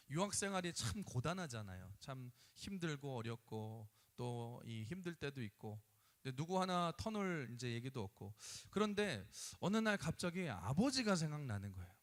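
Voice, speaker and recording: A man preaching a sermon as pastor, telling stories and acting out the voices of the people in them. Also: mid-range voice. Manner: storytelling, acting out quoted voices. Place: church sanctuary. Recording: reverberant church hall.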